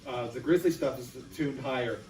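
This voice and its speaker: A man's voice: medium pitch, moderate pace, a little mellow. A man in a casual interview, explaining things in a thoughtful way. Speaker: band member. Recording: roomy, distant mic, faint music.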